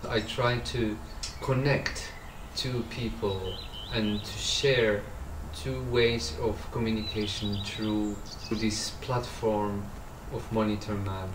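Slow, halting man in an echoey room. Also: lowish voice, level tone, recorded from a distance, noisy background. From Morocco. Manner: slow, halting, searching for words. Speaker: artist. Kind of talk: reflective interview voice-over.

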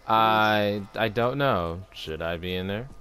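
A man chatting casually while playing a zombie game with friends, excitable and easily confused. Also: fairly low pitch, crowd noise. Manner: excitable, confused, quick to laugh. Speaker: gamer. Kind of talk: casual gaming chat.

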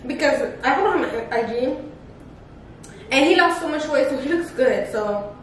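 A woman's voice: high-pitched, animated, moderate pace, heavy reverb, far from the mic, slight background noise. A woman hosting a casual chat, blunt and giggly, teasing her friend. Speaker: host.

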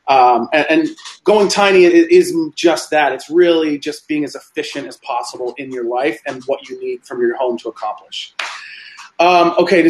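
A man's voice: a little high, roomy sound, poor audio. A man who designs tiny houses, reading out viewer questions and explaining answers in a live Q&A. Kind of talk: live Q&A chat.

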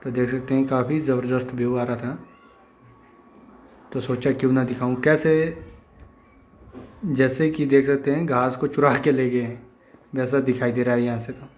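Narrating his village vlog from the Himachal Pradesh hills in northern India, a man points things out repetitively to viewers he calls friends. He speaks in a flat, mid-range voice at a moderate pace, pausing often, with slight noise in the background.

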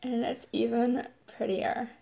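A woman's voice: on the high side, flat delivery, slow, creaky, highs cut off. A woman hosting a casual live makeup demo, chatty and filling her talk with "like" and "totally". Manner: chatty, says "totally" and "like" often.

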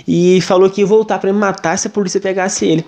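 Brazilian guy telling his own faith story, talks quick and earnest, says né a lot. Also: sits high, vocal fry. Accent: Brazilian Portuguese. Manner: earnest, animated, often adds "né". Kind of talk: personal testimony.

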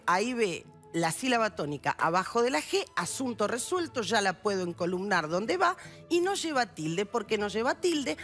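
A woman's voice: medium pitch, fairly bright tone. A woman with an Argentine accent explaining spelling rules on a TV news show in a patient, teacherly way. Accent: Argentine Spanish. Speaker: language columnist. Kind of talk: explanatory TV segment.

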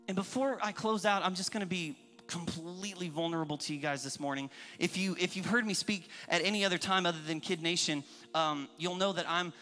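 A man in his thirties preaching a sermon, telling personal stories candidly and acting out the people in them. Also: a little high. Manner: candid, animated, acts out dialogue in different voices. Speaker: pastor. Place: church auditorium. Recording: reverberant church hall with faint music.

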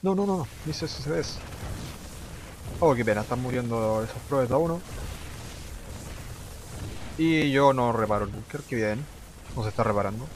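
A young man, excitedly commentating a strategy game and dropping English gamer slang and curses. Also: medium pitch, moderate pace, long pauses, slight background noise. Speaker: gameplay commentator.

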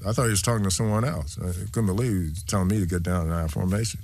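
An older man, a former football player, telling his stories in an interview with an emphatic manner, acting out the quotes he recalls. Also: racing. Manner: lively, emphatic, acts out quotes with big pitch swings. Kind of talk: animated storytelling interview.

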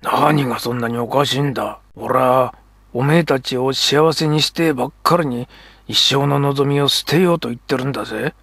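A man doing a husky, brooding Edo actor. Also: mid-range voice, moderate pace, fairly bright tone. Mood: indignant. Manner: rough Edo dialect, brooding and earnest. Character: proud, struggling Meiji-era kabuki actor, middle-aged man.

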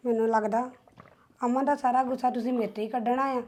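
A woman's voice: fairly high pitch, steady tone, a little fast, darkish tone, natural voice. An actress playing a young wife with a Punjabi accent, defending herself and voicing her suspicions to her husband. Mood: defensive.

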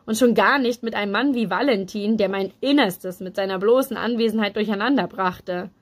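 A woman reads a novel aloud in a steady, even storytelling manner. Her voice sits at a middle pitch for a woman. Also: a little fast. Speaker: book reader.

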